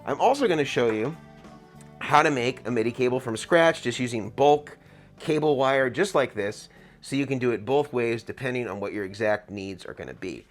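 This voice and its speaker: A man's voice: medium pitch, lively intonation, moderate pace, faint music behind. American man instructing through a face mask. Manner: explanatory, step-by-step. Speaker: tutorial host, guitar rig builder. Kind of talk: hands-on tutorial talk.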